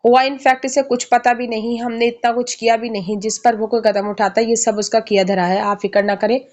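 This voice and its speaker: A woman's voice: on the high side, fairly even intonation, moderate pace, a little mellow, close to an everyday voice. A woman voicing a playful, mischievous younger brother who teases and reassures. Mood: reassuring. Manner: teasing, mischievous.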